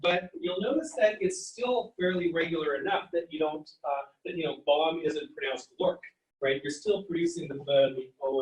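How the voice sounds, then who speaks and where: Male lecturer, fairly high voice, sounds out words for the class; roomy, distant pickup. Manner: explanatory, sounds out words and letters. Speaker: psychology lecturer. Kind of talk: university lecture. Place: lecture hall. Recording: echoey room, mic at a distance.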